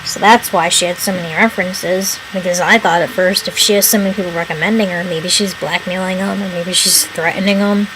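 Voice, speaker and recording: A woman's voice: on the low side, steady tone, a little fast, few pauses. A young woman in casual chat as a mukbang vlogger, rambling and swearing casually while she eats. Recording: noticeable background noise.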